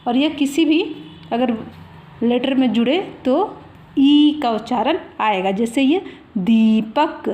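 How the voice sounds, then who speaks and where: A woman gives a children's language lesson in a fairly high voice, talking slowly and patiently. She works through one example after another and stretches her vowels out to show how they sound. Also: a little mellow. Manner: drawn-out vowel demonstrations. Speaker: teacher.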